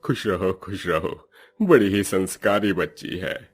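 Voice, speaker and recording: Woman doing a low husky old father. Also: animated, measured pace, heavily acted. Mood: approving. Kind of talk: Hindi cartoon voice acting.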